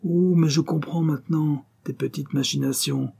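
A man voicing a stern, angry older father who shouts in outrage, with a hoarse low edge. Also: fairly even intonation, moderate pace. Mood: furious. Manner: loud, harsh, outraged.

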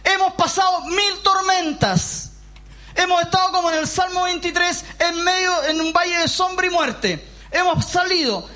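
A man with a Chilean accent preaching a lively sermon in a church hall, emphatic and often raising his voice, with joking asides. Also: very high voice, normal speed. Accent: Chilean Spanish. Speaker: pastor.

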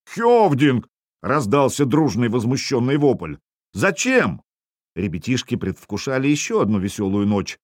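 A man reading a first-person audiobook in a wry, expressive way, voicing the dialogue as he goes. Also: mid-range voice, normal speed, dry recording, clean studio sound. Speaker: audiobook narrator.

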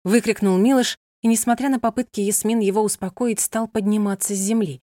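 A woman's voice: medium pitch, fairly even intonation, brisk, warm tone, no echo. Woman narrating a novel, dry close sound. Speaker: audiobook narrator.

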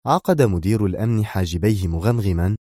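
Low, mellow male narrator. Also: no room sound, clean studio sound. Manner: steady, measured. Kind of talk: scripted audiobook narration.

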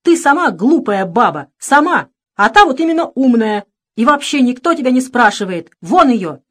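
A woman's voice: medium pitch, animated, a little fast, lightly acted. A woman reading an audiobook voices a young male country doctor who gives urgent, commanding orders in a raised voice. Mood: angry shouting.

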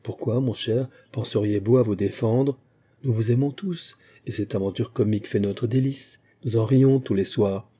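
A proud aristocratic count, courtly and stiff about his honour, as the male reader puts him on. His voice is very dark and husky. He sounds like a figure in a read-aloud storybook. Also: on the low side, normal speed. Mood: amused. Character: proud touchy male French nobleman, a count.

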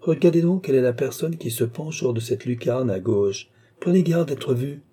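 A man voicing a sharp, impatient young noble lady in an audiobook. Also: mid-range voice, expressive, breathy edge. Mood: urgent. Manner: tart, quick-tempered.

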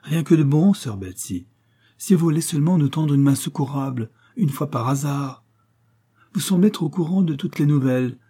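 A man's voice: a little high, animated, moderate pace, mellow, slightly rough, pitched above the performer's own voice. A man reading aloud, voicing a wheedling, insistent middle-aged matron who begs for money. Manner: pleading, insistent, dramatic.

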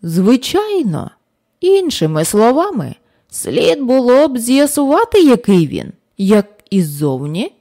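Woman reading as a calm wise old man. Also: on the high side, pitched above the performer's own voice, exaggerated voice. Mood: patient. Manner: slow, gentle, explaining. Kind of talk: audiobook character reading.

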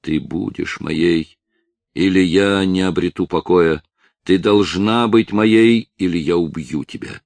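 A man's voice: low-pitched, slow, gravelly, no echo, exaggerated voice. A man voicing an obsessive, possessive villain who threatens a young woman, in a menacing, insistent manner. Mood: threatening.

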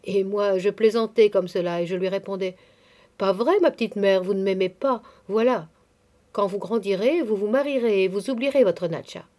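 In a mournful reading, a woman takes on the role of a devout elderly nursemaid in grief, speaking with soft, tender confidences. She uses a mid-range voice close to her everyday one, at a moderate pace.

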